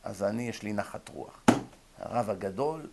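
A man giving a religious ethics lecture. He tells stories vividly and acts out the voices of the people in them. He moves between loud emphasis and quiet asides. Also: on the low side, gravelly, heavy background noise. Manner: animated storytelling, acting out quoted voices. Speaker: Torah lecturer.

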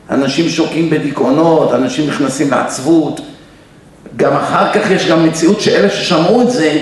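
A rabbi giving an impassioned ethical sermon, repeating phrases and acting out the voices in a story he tells. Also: sits high. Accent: Israeli Hebrew. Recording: very echoey hall, distant mic, faint noise.

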